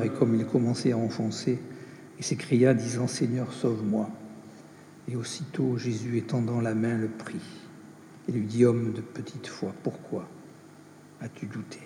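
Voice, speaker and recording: A man preaching a slow, measured sermon, dropping softly when he quotes scripture. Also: medium pitch, a little hiss or hum. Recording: echoey hall with long reverb.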